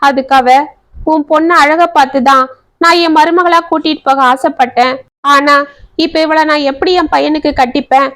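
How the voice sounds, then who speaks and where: A woman's voice: high-pitched, fairly even intonation, normal speed, fairly bright tone. A woman voicing a widowed village mother who laments her daughter's fate through tears in a family tale. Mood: lamenting. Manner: lamenting, sobbing speech.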